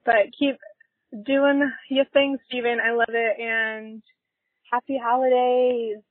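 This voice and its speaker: A woman's voice: fairly high pitch, flat delivery, slow, dry recording. A woman leaving a chatty, upbeat voice message as a podcast listener calling in. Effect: played-back voice message. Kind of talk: casual voicemail. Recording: tinny dry phone-line recording.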